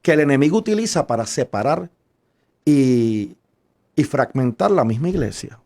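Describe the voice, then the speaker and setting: A man's voice: mid-range voice, lively intonation, normal speed, darkish tone. A Puerto Rican man hosting a church radio interview, talking in a conversational way. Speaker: radio host.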